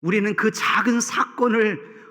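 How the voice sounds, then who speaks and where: An impassioned male pastor preaches with a high, bright and forceful voice, pressing his point with rhetorical questions. The reverberant church hall rings with a long echo. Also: a little slow. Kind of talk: sermon. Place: church sanctuary.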